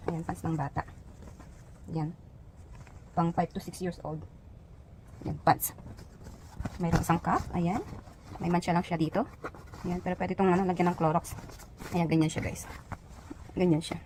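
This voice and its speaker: A woman's voice: fairly low pitch, a little mellow, a little hiss or hum, low-quality recording. A woman from the Philippines, a vlogger chatting casually as she shows off items one by one, with lots of fillers. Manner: chatty, points out each item with frequent fillers. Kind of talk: casual show-and-tell vlog.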